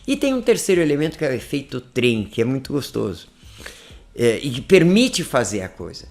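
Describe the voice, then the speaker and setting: A man teaching an online class, speaking close to the mic in a playful, lively way that often drops to a soft, intimate voice. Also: mid-range voice, fairly quick, vocal fry, soft background music. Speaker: English teacher. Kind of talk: online lesson talk. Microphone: close to the microphone.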